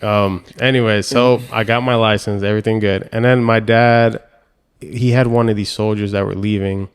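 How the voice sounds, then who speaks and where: A young man from Hawaii hosting a podcast, telling animated stories and acting out voices and sounds. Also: fairly low pitch, normal speed, clear, resonant tone. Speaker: podcast host. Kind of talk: casual storytelling chat.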